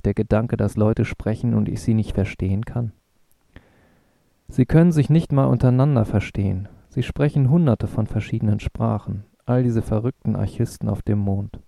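A man reading a novel aloud as a narrator, in a steady, measured way. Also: fairly low pitch, creaky, no echo, clean studio sound. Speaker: audiobook narrator. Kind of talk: scripted narration.

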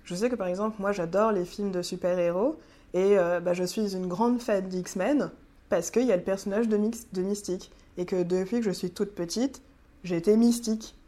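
A woman's voice: mid-range voice, steady tone, normal speed, mellow. A woman speaking personally and with enthusiasm in an interview. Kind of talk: candid interview testimony.

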